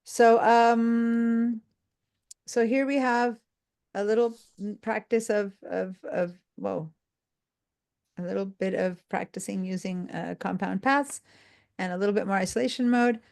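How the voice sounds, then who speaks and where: Tired woman with a gravelly voice. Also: medium pitch, steady tone, a little slow, a little mellow. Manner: tired, yawning, rambling with many fillers and restarts. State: sleep-deprived and tired. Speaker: design software instructor. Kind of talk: live online class.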